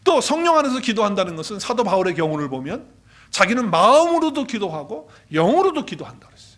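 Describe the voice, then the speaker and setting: A man's voice: high-pitched, sing-song, fast, a bit bright. A man preaching a Sunday sermon as pastor, emphatic, repeating key phrases and putting questions to the congregation. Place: church sanctuary.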